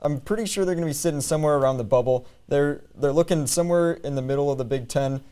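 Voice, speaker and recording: He's a student sports reporter from the United States, in his twenties, calling play-by-play and reading highlights. The voice runs on the high side, mellow and clean, at a quick pace.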